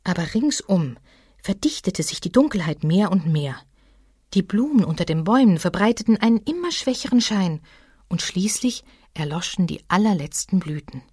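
A woman reading a children's story aloud in an expressive way. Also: lowish voice, moderate pace, breathy edge, no room sound, clean studio sound.

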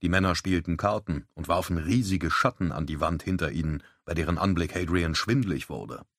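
A man reading an audiobook with expressive, measured storytelling. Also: low voice, no echo, clean studio sound. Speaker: audiobook narrator. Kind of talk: scripted narration.

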